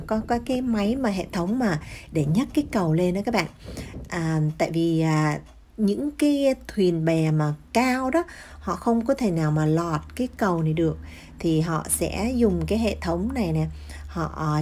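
A woman vlogger with a mid-range, dark-toned voice chats casually to her viewers while walking along a city harbor outdoors, filming on her phone. Her walking-tour narration is sprinkled with English words.

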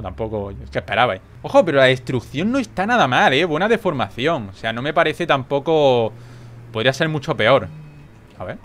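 A young man from Spain with a Castilian accent reacts to a game as he plays. His voice sits fairly high and swings widely up and down. He bursts into exclamations and swears freely. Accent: Spain Spanish. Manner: excitable, swearing, quick exclamations. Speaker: gaming YouTuber. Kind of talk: gameplay commentary.

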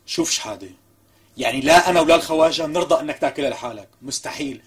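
A smooth Syrian operator who coaxes, insists and keeps raising his price. His voice sits somewhat high and swoops around a lot. He talks very fast. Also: animated, crowd noise. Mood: coaxing. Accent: Syrian Arabic. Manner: coaxing, wheedling, insistent. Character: smooth, pushy man bargaining hard. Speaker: persistent visitor. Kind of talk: TV comedy acting.

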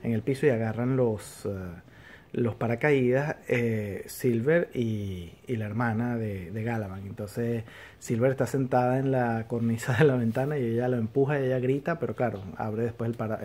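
A man's voice: medium pitch, steady tone, normal speed, a little mellow. A man casually recapping a TV episode as a series reviewer, rambling along with fillers and restarts.

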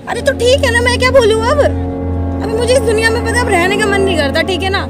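A woman's voice: extremely high pitch, fast. A woman arguing casually with her boyfriend outdoors in a park, sulky and accusing. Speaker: girlfriend in prank video. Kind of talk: casual argument. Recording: very loud background music.

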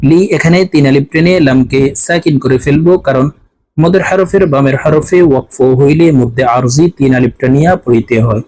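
A man teaching Quran reading, spelling each word syllable by syllable and then chanting it in long, drawn-out recitation, with brisk explanations of pronunciation rules in between. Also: mid-range voice, a little mellow, rough recording. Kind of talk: letter-by-letter Quran reading lesson.

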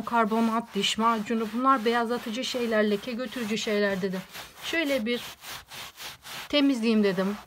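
Woman home-cleaning vlogger, slightly high voice, talks chattily to viewers, faint noise behind. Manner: chatty, repeatedly addresses viewers as friends. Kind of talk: casual how-to demonstration. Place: at home by a rug.

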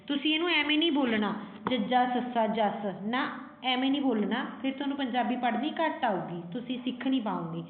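A woman's voice: high voice, animated, fast, hardly any pauses, a little hiss or hum. A woman teaching young children to read Punjabi, patiently sounding out each letter. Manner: calls the children "puttar". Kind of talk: children's reading lesson. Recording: echoey, tinny phone-like audio.

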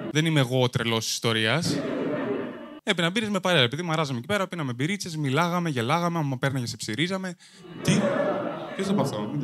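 A man's voice: fairly high pitch, fairly bright tone. A young adult man from Greece doing stand-up, telling a long story to a live audience and bantering crudely with the crowd while holding a microphone. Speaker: stand-up comedian and host. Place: comedy stage before a live audience. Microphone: handheld microphone.

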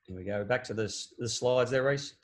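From a small home office, an Australian basketball coach in his 40s talks through plays over game video during an online clinic, heard through a laptop webcam on a video call. His mid-range voice moves fairly quickly, casual and explanatory, peppered with ums, fillers and restarts.

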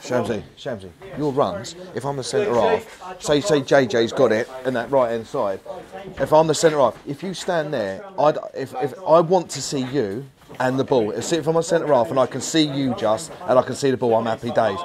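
A man, a football coach giving chatty, encouraging advice to players and shouting instructions outdoors at a ground. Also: mid-range voice, moderate pace. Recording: crowd noise at a football ground.

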